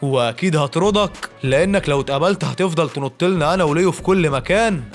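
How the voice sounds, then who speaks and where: A cocky young anime brawler brags and threatens his rival in a quick, high Egyptian voice, as the male narrator puts him on. He is jealous and sure of himself. Faint music sits under him. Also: natural voice. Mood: boastful. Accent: Egyptian Arabic. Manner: boastful, threatening.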